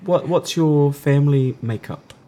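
A man from New co-hosting a podcast, introducing the show and guests in a relaxed way with short encouraging interjections. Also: fairly high pitch, unhurried. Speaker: podcast co-host. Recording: speech over prominent background music.

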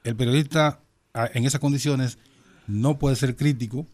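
Guy with a caribbean spanish accent on a talk panel, average pitch, kinda stop-start, repeats words. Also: fairly even intonation, darkish tone. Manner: halting, repeats words as he builds a point. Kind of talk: panel discussion on current affairs.

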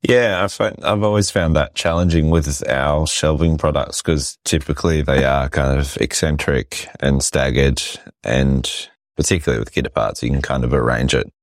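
A man chatting casually on a podcast, reflective, with a husky, sick voice that is giving out. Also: a bass voice, fairly even intonation, normal speed, few pauses, dry recording, clean studio sound. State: sick, voice giving out after losing it. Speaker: podcast host. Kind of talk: casual chat.

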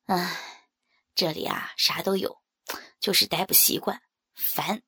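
A woman's voice: lowish voice, takes it slowly, creaky, pushed and bright, husky, no echo, clean studio sound, voice pushed down, exaggerated voice. Woman doing a sulky, bored young man. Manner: listless, grumbling, dismissive.

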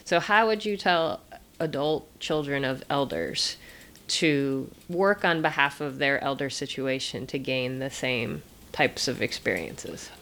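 A woman's voice: rumbling low, unhurried, fairly bright tone. A woman hosting a conversation, chatty and enthusiastic, often affirming her guest. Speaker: host. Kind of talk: casual interview chat.

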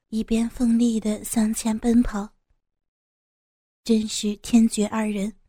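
A woman narrating a gritty action story in a steady, vivid, suspenseful reading style. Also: fairly high pitch, no echo, studio quality. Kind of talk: dramatic audiobook narration.

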